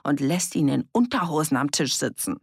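A woman's voice: low voice, very animated, normal speed, gravelly, darkish tone, husky, no room sound, clean studio sound, heavily acted. A woman reading an audiobook, voicing a furious older farm woman who scolds and sneers. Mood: scornful.

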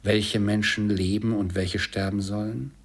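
A man voicing a solemn, stern male ghost of Christmas who speaks slowly and gravely, at times in a whisper. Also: on the low side, flat delivery.

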